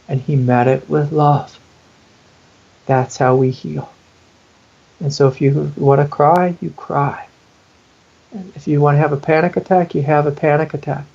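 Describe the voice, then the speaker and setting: Gravelly-voiced man, earnest spiritual teacher. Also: a little high, darkish tone, dull audio. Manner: earnest, intimate, acting out inner voices. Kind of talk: interview answer.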